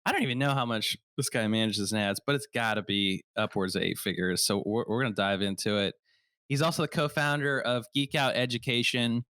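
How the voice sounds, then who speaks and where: A man hosting a podcast, chatting in a quick, excitable, joking way. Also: medium pitch, clean tone, no room sound, clean studio sound. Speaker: podcast host. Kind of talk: casual podcast chat.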